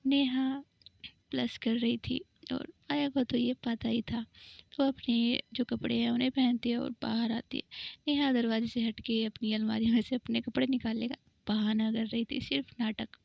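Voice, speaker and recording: Gravelly woman narrating a story. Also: fairly high pitch, little pitch movement, normal speed, no echo. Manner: chatty, informal. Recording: dull lo-fi recording.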